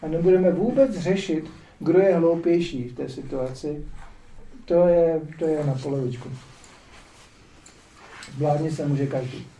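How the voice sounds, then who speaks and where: Older man, ironic spiritual teacher, mellow voice pitched fairly high, heard from a distance in a roomy hall. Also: long pauses, slight background noise. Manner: ironic, rhetorical asides. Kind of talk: lecture on scripture. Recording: roomy echo, distant mic.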